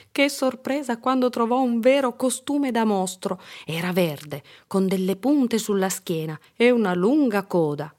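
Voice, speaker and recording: A woman reading a children's story aloud in an expressive storytelling manner. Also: on the low side.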